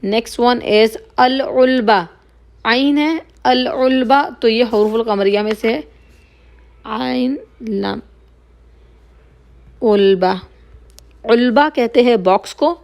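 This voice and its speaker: Slow, patient woman teaching Arabic. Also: fairly high pitch, creaky, darkish tone. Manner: patient, repeats each word slowly, then translates. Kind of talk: slow explanatory lesson, mixing Hindi-Urdu and English.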